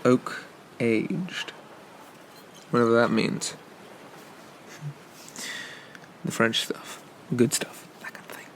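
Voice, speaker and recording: A man playing a flirty, teasing, gentlemanly pirate captain in an ASMR whispered role-play, with gravelly, murmured delivery. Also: medium pitch, slow pace, a little hiss or hum, lightly acted, poor audio. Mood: musing. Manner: leisurely, teasing, roguish, murmured asides.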